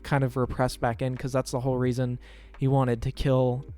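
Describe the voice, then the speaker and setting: A man's voice: mid-range voice, monotone, normal speed, mellow. A young man co-hosting a podcast, talking casually and speculating hesitantly about a film's plot, with plenty of restarts. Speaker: podcast co-host. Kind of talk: casual chat. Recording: faint music under the voices. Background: faint background music.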